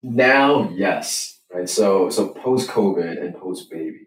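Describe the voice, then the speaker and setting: Low-voiced man on an echoey distant line. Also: slow. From Hong Kong. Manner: relaxed, self-deprecating, repeats words when starting. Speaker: guest, chief financial officer. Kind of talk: casual interview chat. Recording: distant echoey remote audio with faint noise.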